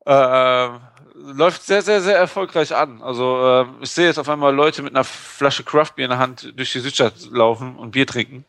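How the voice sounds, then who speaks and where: A man's voice: medium pitch, moderate pace, hardly any pauses, a bit bright, no room sound, studio quality. A man co-hosting a podcast in casual chat, speaking, joking and full of fillers. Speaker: podcast co-host.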